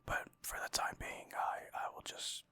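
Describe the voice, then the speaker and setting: A young male ASMR gaming creator whispers breathily close to the mic at a measured pace, his tone sharp with no room sound. He rambles casually over gameplay, mocking himself and swearing now and then.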